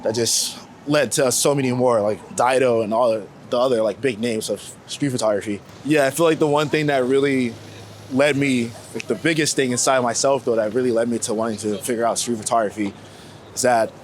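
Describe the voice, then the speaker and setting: A young Floridian street photographer, interviewed outdoors in New York City, talks informally and candidly with slangy speech in a relaxed, reflective chat. His voice is medium-pitched and a little fast, with passing vehicles and traffic ambience in the background.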